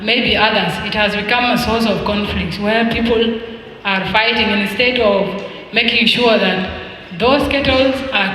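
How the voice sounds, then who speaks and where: High, slow South Sudanese man in a hall. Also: bright, forceful tone, a little hiss or hum. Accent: South Sudanese English. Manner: deliberate, emphatic, rhetorical questions and repetition. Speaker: speaker at an expo launch. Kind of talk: formal public speech. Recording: echoey hall with long reverb.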